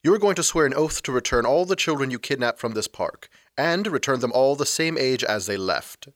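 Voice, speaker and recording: A man's voice: medium pitch, fairly quick, no room sound, lightly acted. A man playing a dry, smug vampire. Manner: dry, sardonic deadpan. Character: dry sarcastic male vampire, smug and unflappable. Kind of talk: audio drama acting.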